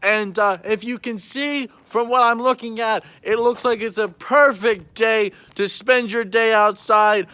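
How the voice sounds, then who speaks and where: A man's voice: high-pitched, fairly even intonation, a little slow, few pauses, sharp tone, no room sound, pitched above the performer's own voice. A man doing a chipper TV weatherman. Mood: cheery. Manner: chipper forecast patter. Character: upbeat male TV weatherman, cheery and goofy. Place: bedroom.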